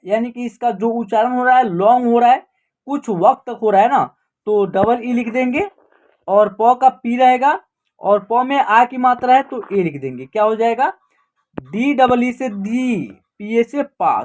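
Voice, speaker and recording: A woman with a fairly high voice teaching an online class. She goes through words slowly and patiently, asks a question and answers it herself, and repeats each word to drill it.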